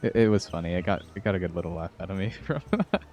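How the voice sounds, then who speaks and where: A man's voice: deep voice, racing, darkish tone. A man chatting casually and playfully with viewers as he hosts a gaming livestream. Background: music.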